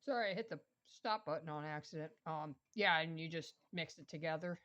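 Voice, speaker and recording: A woman's voice: low voice, brisk, a bit bright, muffled recording. A woman chatting casually through a cooking vlog in her home kitchen, rambling and laughing often between remarks. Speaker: vlogger.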